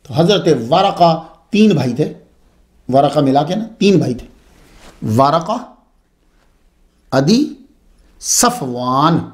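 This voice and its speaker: A man's voice: fairly high pitch, slow pace, long pauses. Man telling religious history, lots of side remarks, voice swings up and down a lot. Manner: expressive, digressive storytelling with asides. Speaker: religious lecturer. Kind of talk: Islamic history lecture.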